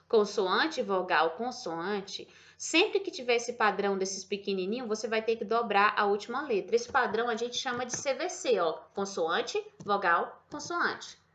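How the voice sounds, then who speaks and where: A Portuguese-speaking woman teaching an English lesson in a casual way, repeating words slowly and often checking that her students follow. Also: a little high, sharp tone. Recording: dull lo-fi sound.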